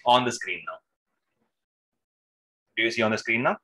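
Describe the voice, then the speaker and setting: A man's voice: mid-range voice, expressive, normal speed, bright, forceful tone. A man teaching an informal, interactive online lesson, often saying sir and checking in with short questions. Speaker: instructor. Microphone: video call microphone.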